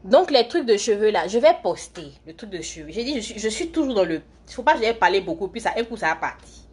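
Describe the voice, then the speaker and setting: A woman's voice: mid-range voice, sing-song, fast, darkish tone, slightly rough. Chatty young woman livestreaming. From Côte d'Ivoire. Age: young adult. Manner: rambling and chatty, talking while doing her makeup. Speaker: live streamer and student. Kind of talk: casual livestream chat answering viewer comments.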